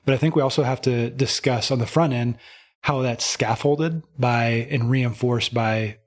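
A man's voice: medium pitch, unhurried. Brief: male coach co-host, casual and thoughtful talker, mid-range voice. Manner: thoughtful, uses "like" fillers. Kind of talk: casual chat.

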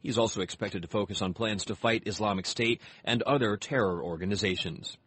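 A man with a husky voice reading a scripted radio news bulletin as an anchor. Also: on the low side, fairly quick, a bit bright.

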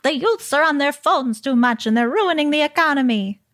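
A woman's voice: sits high, animated, normal speed, a bit bright, voice pushed up. A woman putting on a grumbling grandma. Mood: scolding. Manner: disapproving, shaky old-lady put-on. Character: grumbling elderly grandma scolding youths.

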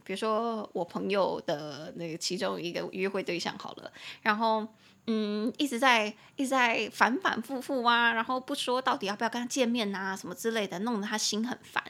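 A young woman hosting a chatty podcast English lesson, explaining words slowly and repeating them. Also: a little high, fairly bright tone. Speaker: podcast host, English teacher.

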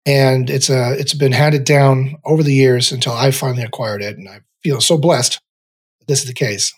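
A man's voice: medium pitch, fairly even intonation, moderate pace, slightly rough. A man in his forties, a podcast guest, guiding listeners through a meditation exercise in a rambling, repetitive way as he searches for words.

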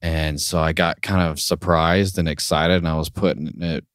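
Deep-voiced young man, rambling casual chat. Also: level tone, moderate pace, fairly bright tone, no room sound, studio quality. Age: 20s. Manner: rambling storyteller, swears freely. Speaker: podcast co-host.

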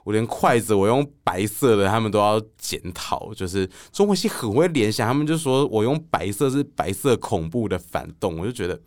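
A man, a guest writer telling stories on a podcast in a loose, animated way, swearing and laughing freely. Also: fairly low pitch, a little fast, hardly any pauses. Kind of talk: casual podcast storytelling.

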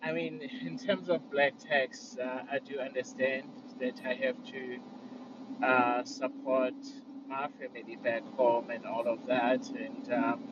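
A man calling in on a car speakerphone while driving, speaking hesitantly with many pauses. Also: mid-range voice, level tone. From South Africa. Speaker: caller. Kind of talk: casual group audio chat. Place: moving car. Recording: distant dull car speakerphone with road noise. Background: engine and road noise.

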